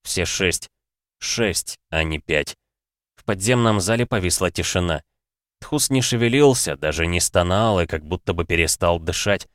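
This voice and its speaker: A man narrating a fantasy audiobook in a measured, even storytelling manner. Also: low-pitched, dry recording, studio quality.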